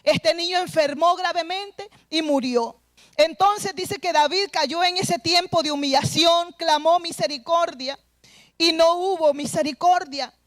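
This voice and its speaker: A woman's voice: very high-pitched, a little slow, no echo. A woman pastor delivering an earnest sermon, retelling a scripture story and urging the congregation to return to God. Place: church service.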